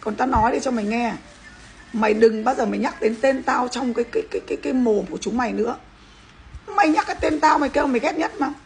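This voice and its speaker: A fairly high-pitched woman rants to camera, combative and profane, firing questions straight at a rival. Her voice is slightly raised, and faint background noise sits under the recording. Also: quick pace, creaky. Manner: combative, profane, repeatedly addressing a rival directly. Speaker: vlogger. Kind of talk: angry rant to camera.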